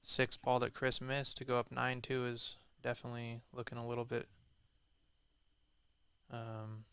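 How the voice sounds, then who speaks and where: A man doing pool play-by-play in a steady, measured way. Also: mid-range voice, clean tone, no echo. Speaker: pool commentator. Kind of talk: casual sports commentary.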